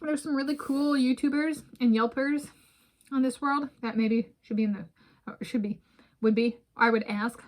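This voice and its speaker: Eating and chatting in a home room with bookshelves, this thirtysomething American vlogger talks in a rambling, digressive way. Her voice is slightly high-pitched yet darkish in tone, with fairly even intonation at a normal speed.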